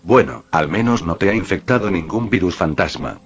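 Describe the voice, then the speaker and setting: A man's voice: deep voice, lively intonation, moderate pace. A man voicing a casual, easygoing teenage boy sidekick in a read-aloud fan story.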